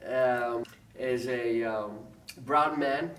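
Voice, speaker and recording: A man's voice: mid-range voice, very slow, a bit bright. A man in his fifties from Tanzania, a good-humored father speaking wryly in a family interview. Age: 50s. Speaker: interviewee, parent. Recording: roomy, distant mic.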